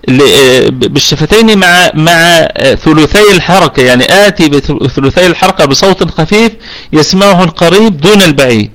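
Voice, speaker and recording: An Egyptian man with an Egyptian Arabic accent teaches Quran recitation rules in a live online lesson from a home room over voice chat. His voice is a little high and a bit bright, and the recording is rough. He goes step by step, often checks that the listener is following, and slows down to demonstrate sounds.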